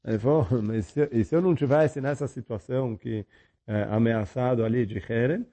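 Guy going through talmud, reads the aramaic then explains it chill, soft mellow voice. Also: medium pitch. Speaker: Talmud teacher. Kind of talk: Talmud study lesson.

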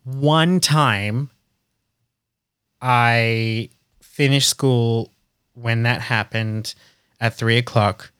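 Australian co-host chatting away, dry close mic, mid pitch, lots of stories. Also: very slow, pauses often, clean tone, no echo. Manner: chatty, animated storyteller. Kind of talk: casual chat.

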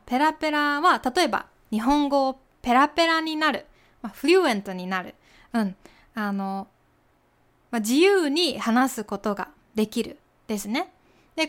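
A woman hosts a Japanese lesson podcast, speaking slowly and patiently. Her voice sits a little high, and she leans on soft fillers and example sentences. A light slips through. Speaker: podcast host teaching Japanese.

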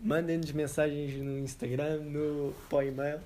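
A young man co-hosts a podcast in a soft, mellow voice. His talk is informal and slangy, and he often repeats words as he works out a thought. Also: a little high, level tone, slight background noise. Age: young adult. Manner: informal and slangy, thinking aloud in halting repetitions. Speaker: podcast co-host. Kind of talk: casual chat.

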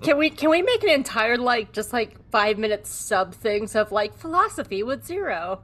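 A woman playing a tabletop role-playing game who chats casually and asks quick questions. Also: on the high side, big pitch swings, fairly bright tone. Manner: chatty, laughing, quick questions. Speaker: player.

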